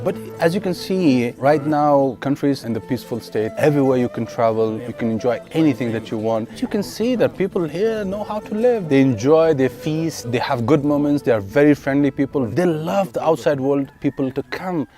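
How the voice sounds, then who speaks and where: A man's voice: mid-range voice, animated, moderate pace, few pauses, mellow. A man from Pakistan acting as local guide, earnestly explaining customs and dishes in casual conversation. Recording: music playing underneath.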